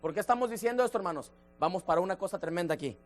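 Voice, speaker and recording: A man leading a church Bible study, emphatic, slowing down to stress key words and addressing listeners by name. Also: high voice, animated, soft background music. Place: church sanctuary.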